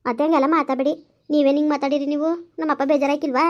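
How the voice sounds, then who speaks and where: A woman's voice: high voice, level tone, rapid-fire, lo-fi sound, natural voice. A woman playing a defiant young daughter-in-law. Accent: rural Karnataka Kannada. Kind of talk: village family drama.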